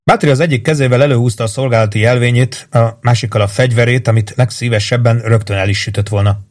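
A man reading a crime novel aloud as an audiobook narrator, in even scripted narration. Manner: reads steadily, lifting pitch and volume for shouted dialogue.

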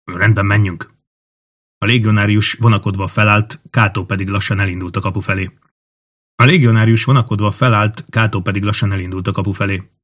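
A male audiobook narrator with a fairly low voice, reading a historical novel steadily and with measure. The delivery is calm and even throughout. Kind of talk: scripted narration.

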